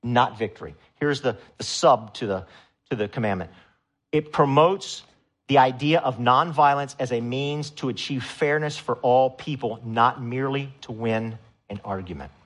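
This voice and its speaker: A man preaching a sermon to a congregation, animated and emphatic, with loud rising peaks. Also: mid-range voice, moderate pace. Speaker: pastor.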